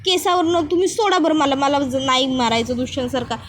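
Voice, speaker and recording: A stubborn young village bride, put on by a woman narrator, who protests in a rustic village dialect. Her voice sits high and a little raised. There is a faint hum of room noise behind her. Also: fairly even intonation, brisk, natural voice. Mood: protesting.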